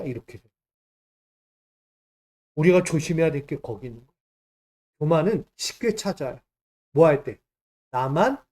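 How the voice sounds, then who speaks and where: Male pastor, high voice, emphatic sermon delivery with rhetorical questions. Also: a little mellow.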